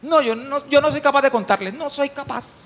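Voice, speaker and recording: A man's voice: very high-pitched, brisk, a bit bright. A man preaching a sermon, playing a sly, gossipy farmhand servant who teases his young master and talks in a secretive, wheedling way. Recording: long hall reverb.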